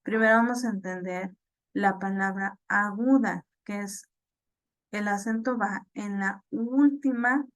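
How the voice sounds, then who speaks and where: A woman teaching an online class, explaining slowly with fillers and repeats and checking in with "ok?". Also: medium pitch, no echo. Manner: slow, halting explanation with many fillers and repeats; checks understanding with "ok?".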